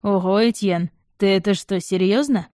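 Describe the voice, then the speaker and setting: Woman doing a gentleman, ironic, teasing, drawling, dry sound, storybook. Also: lowish voice, steady tone, brisk, no room sound, close to an everyday voice.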